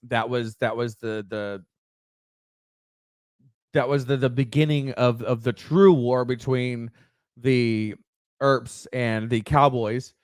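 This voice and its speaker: A middle-aged man co-hosting a casual podcast, blunt and profane, halting with lots of fillers. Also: medium pitch, steady tone, dry recording, clean studio sound. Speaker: podcast co-host. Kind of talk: casual chat.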